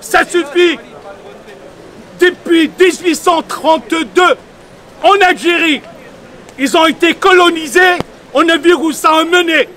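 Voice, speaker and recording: A man's voice: very high-pitched, slow pace, long pauses, pushed and bright. A man at an outdoor street protest, angry and insistent, stumbling over his words with many hesitations and repetitions. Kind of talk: street interview.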